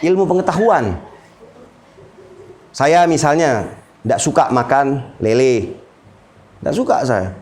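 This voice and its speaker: A man's voice: medium pitch, slow pace, long pauses. A man giving a casual religious talk, joking and acting out the people he quotes. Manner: animated, joking, quotes people in lively voices. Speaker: preacher.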